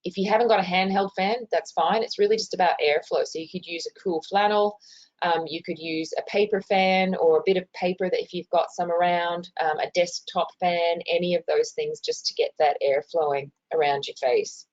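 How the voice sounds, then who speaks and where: Casting: Australian woman, health educator, lowish voice, informal explanatory delivery, muffled webinar sound from a hospital. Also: fairly even intonation, normal speed, a little mellow. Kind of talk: informal instructional presentation. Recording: muffled, dull webinar audio.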